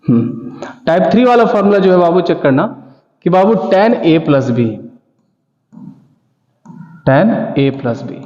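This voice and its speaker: A man's voice: high-pitched, a little mellow. A man teaching maths in a chatty, coaxing way, explaining with homely stories and checking in with students. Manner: colloquial and coaxing, keeps asking "okay?". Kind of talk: chatty classroom lesson. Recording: echoey room with long reverb, dull lo-fi sound.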